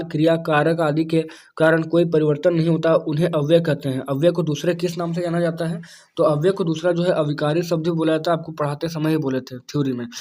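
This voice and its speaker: A man with a fairly high voice teaches an exam-prep grammar lesson. He explains patiently, repeats key terms and keeps checking that the listener is following. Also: dark tone.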